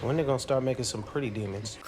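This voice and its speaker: A man plays a cranky, mouthy crook in a TV drama. He fires off slangy lines quickly over a noisy soundtrack. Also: mid-range voice, close to an everyday voice. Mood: grumbling. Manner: slangy, irritable. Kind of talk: TV drama acting.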